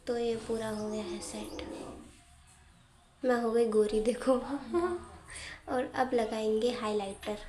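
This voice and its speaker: A woman's voice: fairly high pitch, a little mellow. A young woman narrating a casual home vlog in a chatty, giggly, self-teasing way. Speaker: vlogger. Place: home, indoors.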